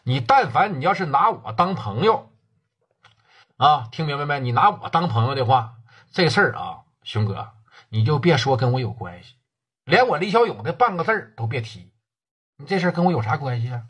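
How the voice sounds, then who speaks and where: A man's voice: medium pitch, very animated, a little fast, a bit bright, husky. A man voicing a slick, evasive man who pushes the blame away and repeats himself to drive the point home. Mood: insistent.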